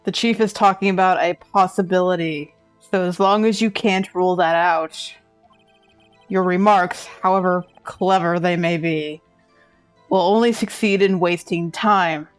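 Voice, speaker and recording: A woman voicing a cool, formal young male prosecutor in a game playthrough, speaking in a measured way. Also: fairly low pitch, fairly even intonation, clear, resonant tone, faint music behind, natural voice.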